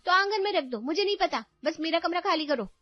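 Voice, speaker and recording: A woman voicing a shrill, demanding young wife in a cartoon story, complaining loudly. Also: animated, fairly quick, no echo. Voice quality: shrill, whiny. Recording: dull dry voice-over with faint music.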